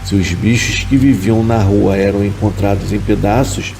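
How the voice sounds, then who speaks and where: A man reading a horror story aloud in a calm, measured scripted narration. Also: lowish voice, slight background noise, low-quality recording.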